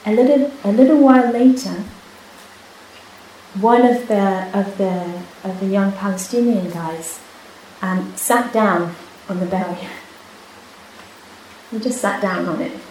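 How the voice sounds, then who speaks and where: A soft-spoken Hebrew-speaking meditation teacher with a mid-range voice gives a dharma talk that includes a personal story, speaking unhurriedly with many pauses and restarts. The recording comes from an echoey retreat hall with faint hiss.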